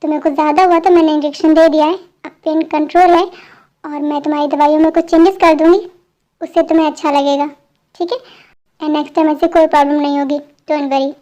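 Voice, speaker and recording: A woman voicing a calm, reassuring female doctor in a fan dub drama, mixing in English words. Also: sits high, a little fast, lightly acted.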